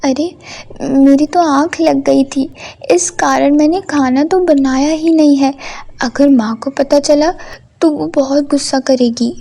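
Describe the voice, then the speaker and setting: A woman's voice: high-pitched, steady tone, a little slow, gravelly, dark tone. A woman voicing a meek, mistreated young stepdaughter in a cartoon story. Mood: anxious. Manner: meek, apologetic. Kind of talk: cartoon voice acting.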